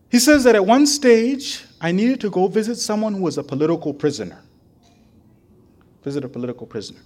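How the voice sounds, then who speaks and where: A man preaching a sermon in a fairly high voice. He tells his stories in an animated, conversational way and keeps checking in with his listeners. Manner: animated storytelling, frequent "right?" asides.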